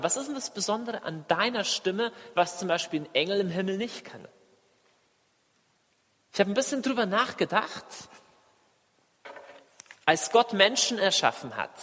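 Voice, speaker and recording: Man, preacher, sermon, high-pitched voice, animated, asks direct questions, long hall reverb.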